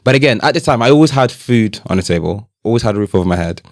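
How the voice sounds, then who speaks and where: A man's voice: mid-range voice, lively intonation, very fast, no echo, studio quality. A young man born in Italy, speaking, candidly telling his life story as an interview guest. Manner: candid, storytelling, slang-laced. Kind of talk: casual interview.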